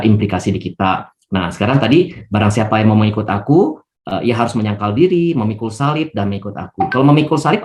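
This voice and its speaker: Man leading a bible study call. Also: lowish voice. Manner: relaxed, explains with everyday examples, frequent "ya". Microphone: video call.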